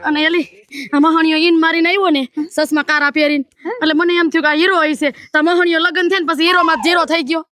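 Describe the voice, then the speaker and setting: A woman's voice: very high-pitched, steady tone, fast, a bit bright, faint music behind. A woman, gossiping and lamenting in a rustic comedy sketch.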